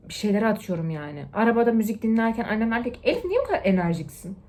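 A young woman talking casually to her viewers in a lively, lecturing way, swinging between loud and hushed. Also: on the high side, very fast. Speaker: TikTok vlogger. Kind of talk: casual motivational chat to camera.

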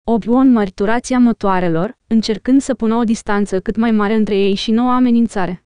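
A woman reading a novel aloud in steady, even scripted narration. Her voice sits fairly high and is smooth and mellow, captured dry and close. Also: no echo. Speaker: audiobook narrator.

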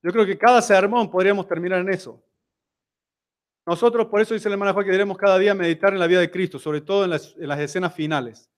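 A man's voice: sits high, quick pace. A man with a Rioplatense Spanish accent giving a conversational sermon in a church, putting frequent rhetorical questions to the congregation. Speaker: seminar speaker at a church.

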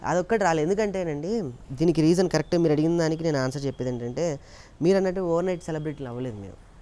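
A man's voice: fairly high pitch, very fast. Earnest man telling stories in an interview. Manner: earnest, animated storytelling that acts out quoted voices. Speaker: interview guest, mimicry artist. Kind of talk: casual interview talk.

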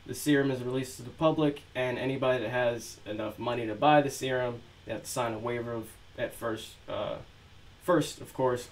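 Over a rough recording, a man with a medium-pitched voice chats in a relaxed way, full of fillers. He then reads aloud a passage from his own novel.

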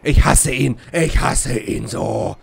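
A man streaming a shooter game live, chatting loudly with teammates and complaining about opponents through a headset. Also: mid-range voice, slow, creaky. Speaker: livestream gamer. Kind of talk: excited live gameplay chat. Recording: noisy stream with game gunfire behind.

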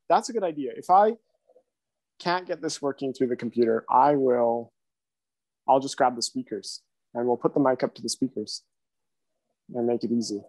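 A workshop instructor in his thirties talks casually and thinks out loud while demonstrating hands-on in a home studio room with tape equipment. He has a medium-pitched, darkish voice, recorded with no echo.

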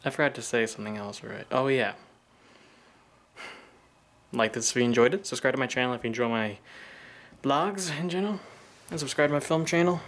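A man's voice: medium pitch, brisk, long pauses, a bit bright. A man talking in a casual vlog, rambling with many fillers and restarts, a bit out of breath. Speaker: vlogger. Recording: noisy background.

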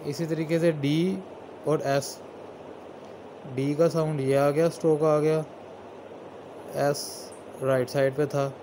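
A man's voice: fairly high pitch, noisy background. A man teaching shorthand strokes step by step as he writes, patiently repeating each one aloud. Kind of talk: step-by-step lesson while writing.

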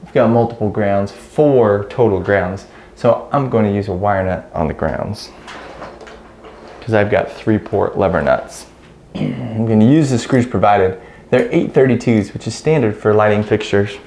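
Low-voiced man talking through a wiring job. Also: measured pace. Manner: relaxed, practical, talks himself through each step. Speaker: electrician instructor. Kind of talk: hands-on how-to narration. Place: small room in a house, indoors.

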